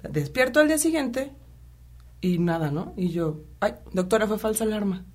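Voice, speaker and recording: A woman's voice: mid-range voice, normal speed. A woman with a Mexican accent telling a personal story in casual conversation, animatedly acting out what others said. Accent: Mexican Spanish. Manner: animated retelling, acting out quotes, many fillers.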